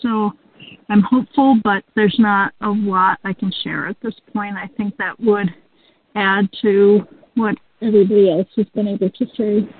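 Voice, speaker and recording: A woman's voice: medium pitch, steady tone, normal speed, breathy edge. Hesitant woman on a mushy speakerphone. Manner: hesitant, many ums. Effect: muffled speakerphone sound. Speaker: panelist on a webinar. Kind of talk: unprepared casual remarks. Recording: muffled phone line.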